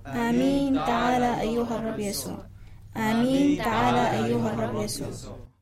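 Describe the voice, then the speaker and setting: Men and women reciting a short prayer together in unison, a slow and measured chorus of voices. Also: mid-range voice, steady tone, loud music behind the voice. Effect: men and women speaking together in unison.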